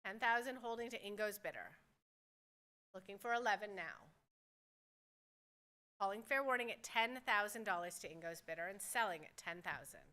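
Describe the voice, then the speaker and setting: A woman's voice: medium pitch, animated, moderate pace, long pauses, sharp tone. A woman working as a fine art auctioneer, calling bids at a live sale in a formal, courteous way and repeating the figures.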